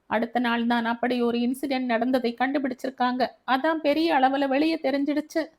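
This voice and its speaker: A woman's voice: high-pitched, little pitch movement, moderate pace, darkish tone, voice pushed up. A woman voicing a grief-stricken young man who weeps as he tells his older brother bad news. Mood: grieving, tearful. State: crying.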